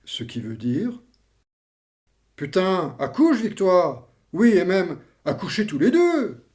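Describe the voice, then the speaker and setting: A man's voice: high-pitched, wildly swooping pitch, takes it slowly, darkish tone, full character voice. A man playing a grumbling, mocking old war veteran in a theatrical comedy, blustering in twisted colloquial slang. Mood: impatient.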